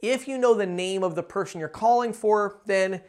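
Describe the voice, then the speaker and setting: A man's voice: high voice, normal speed, darkish tone, smooth. A man giving a casual sales training talk, conversational and often checking in with "okay?" and "right?".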